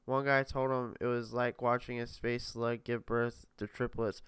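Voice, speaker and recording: A man's voice: mid-range voice, flat delivery, moderate pace, fairly bright tone, smooth, no echo. A young man casually reading a novel aloud, often stumbling over words and correcting himself. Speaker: reader.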